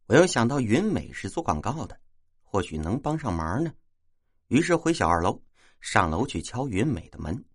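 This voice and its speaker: A man telling a first-person ghost story in a wry, lively way. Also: fairly low pitch, normal speed, breathy edge, dry recording, studio quality.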